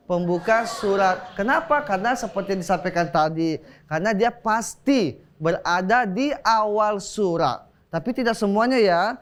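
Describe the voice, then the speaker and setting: A man teaching children as a religious teacher on a TV show, quizzing them and leading call-and-response with frequent praise. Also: high-pitched. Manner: encouraging, quizzing, exclaiming praise often. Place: TV studio.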